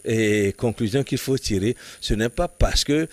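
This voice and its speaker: A man's voice: medium pitch, no echo. A man commenting in a studio political debate, arguing insistently and often restarting words as he builds his point. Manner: halting, restarts words while building an argument; emphatic, insistent reasoning.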